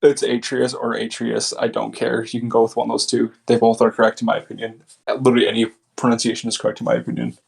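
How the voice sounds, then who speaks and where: A battle rapper appears as a guest in a casual interview, speaking in a mid-pitched voice with a gravelly, creaky edge. He's laid-back and blunt, swearing casually, and talks very fast in a completely flat delivery.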